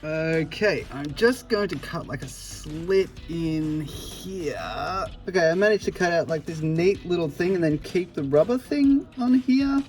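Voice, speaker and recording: In a laid-back DIY vlog, an Australian man in his thirties who works as an electrician shows his own car radio install, downplaying his efforts. His slightly high, slightly mellow voice has lively intonation and a somewhat slow delivery with hardly any pauses. Soft music plays behind him.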